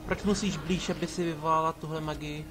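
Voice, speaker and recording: With game music in the background, a man with a slightly high voice and fairly even intonation provides laid-back let's play commentary. He bosses his party around and tosses in sarcastic remarks.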